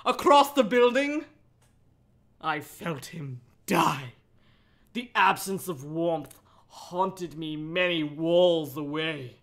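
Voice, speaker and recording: Speaking slowly in a low voice, a woman livestream host cold-reads text aloud. She's giggly, sarcastic, and animated, with mocking side comments and offhand profanity.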